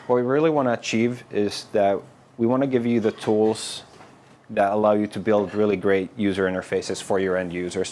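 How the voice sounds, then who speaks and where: Finnish man giving a relaxed tech talk. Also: lowish voice, a little hiss or hum. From Finland. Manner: relaxed, informal, with frequent fillers and restarts. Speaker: developer advocate giving a meetup talk. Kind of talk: conference tech presentation. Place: meetup room with a live audience.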